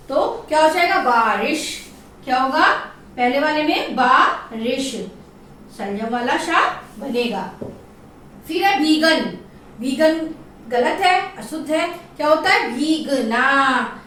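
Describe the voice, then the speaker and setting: Slow, bright-voiced woman teacher. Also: sits high, heavy reverb, far from the mic, a little hiss or hum. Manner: slow, drawn-out answers repeated for children. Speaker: primary school teacher. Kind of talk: online class lesson.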